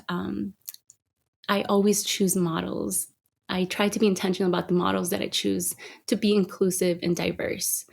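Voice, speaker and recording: A woman's voice: on the low side, creaky, darkish tone. A woman photographer as a podcast guest, talking reflectively with hesitant restarts. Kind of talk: conversational interview.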